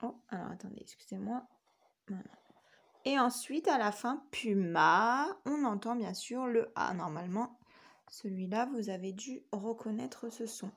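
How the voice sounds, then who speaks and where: A woman's voice: on the high side, a little slow, vocal fry. A woman teacher giving a recorded spelling lesson to young children, patiently sounding out each letter and syllable. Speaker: kindergarten teacher.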